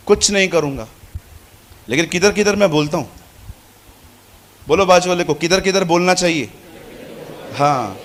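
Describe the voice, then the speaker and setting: A man preaching a sermon to a congregation, shifting between quiet asides and loud, animated calls. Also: high-pitched. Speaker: pastor. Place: church hall with congregation.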